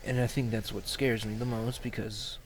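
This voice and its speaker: A man's voice: medium pitch, flat delivery, normal speed, a little hiss or hum, rough recording. A man casually talking through a strategy game match, rambling with lots of fillers and restarts. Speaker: gamer commentating his match. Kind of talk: casual gameplay commentary.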